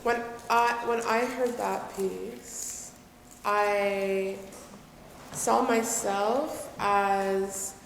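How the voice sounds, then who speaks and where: A woman hosting an interview speaks in a slow, halting way, with a gravelly fry in her voice. Her speech is very slow. She sounds roomy and echoey, with a long hall reverb behind her. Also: medium pitch, steady tone, a little hiss or hum. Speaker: host. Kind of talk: casual interview questions.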